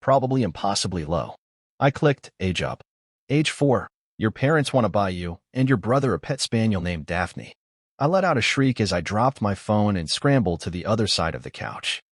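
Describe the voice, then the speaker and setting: A man reading a scripted horror story aloud as narrator, with a lively, expressive delivery. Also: lowish voice, moderate pace, slightly rough, dry recording, clean studio sound.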